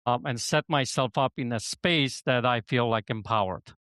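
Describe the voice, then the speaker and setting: A man's voice: mid-range voice, normal speed, a bit bright, clear, resonant tone, dry recording. A middle-aged man from Poland, a podcast guest and business coach, talking casually and rambling with lots of "you know what I mean". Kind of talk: casual conversation.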